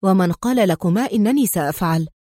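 A woman voicing a bold male secret agent hero who speaks calmly, with mockery and firm command. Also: medium pitch, fast talker, no echo, clean studio sound, natural voice. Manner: calm, mocking, commanding.

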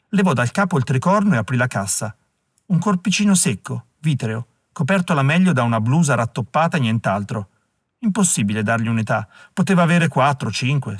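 A man narrates a novel in a measured, even storytelling manner. His voice sits at an ordinary male pitch. The recording is dry and close to the mic. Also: no echo. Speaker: audiobook narrator. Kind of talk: scripted audiobook narration.

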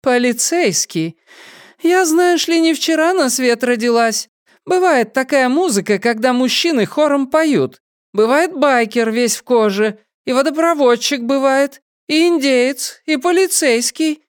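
A shrill, frantic middle-aged mother, put on by a male reader in a storybook, her voice pitched very high and fretting melodramatically without pause. The sound is close and dry. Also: clear, resonant tone, no echo. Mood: pleading. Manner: shrill, breathless, melodramatic worrying. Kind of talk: audiobook character voice.

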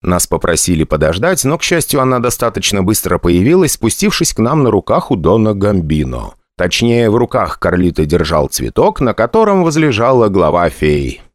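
A man narrating a first-person audiobook in an ironic, lively storytelling manner. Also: on the low side, normal speed, few pauses, no echo, clean studio sound.

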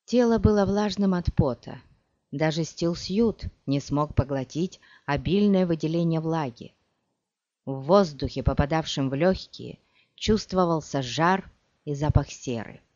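An audiobook narrator reading in a slow, measured manner. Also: mid-range voice, darkish tone, no room sound. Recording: dull lo-fi dry audiobook recording.

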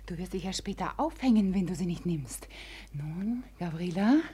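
Proud, wounded Nastassja Filipowna, theatrical young beauty. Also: female voice, on the low side, expressive, moderate pace, dark tone, husky. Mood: cruel, taunting. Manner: theatrical, commanding, swinging into bitter resignation. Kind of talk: 1950s German radio drama acting.

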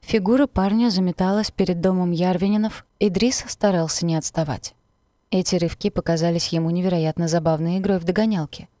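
A woman narrating a first-person novel for an audiobook, expressive and steady in her reading. Her voice sits on the low side, recorded dry and close with no room sound. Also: fairly quick, no room sound.

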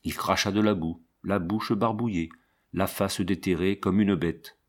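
A man narrating a literary novel as an audiobook, in a measured, expressive reading. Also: low-pitched.

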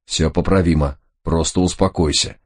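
A man's voice: rumbling low, fairly even intonation, moderate pace. A man voicing a cool-headed man who speaks curtly, coldly and impatiently. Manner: curt, cold, impatient. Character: cool-headed man tending his brother, curt.

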